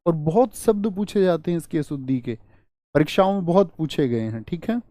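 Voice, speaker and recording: A man's voice: fairly high pitch, lively intonation, a little fast, warm tone, no echo. A male teacher running an exam-prep lesson, drilling students with repeated rhetorical questions. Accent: Hindi.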